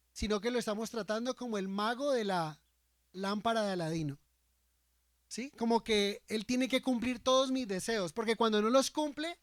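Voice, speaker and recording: A man's voice: very high voice, dry recording. Male pastor preaching in a dry sound. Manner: asks the congregation frequent rhetorical questions; acts out quoted speech from scripture. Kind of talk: sermon.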